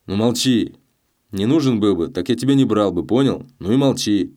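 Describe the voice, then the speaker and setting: A man's voice: on the low side, animated, normal speed, dark tone, lightly acted. A man voicing a fierce, whiskered male thief who barks harsh commands and threats in a storybook reading. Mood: stern.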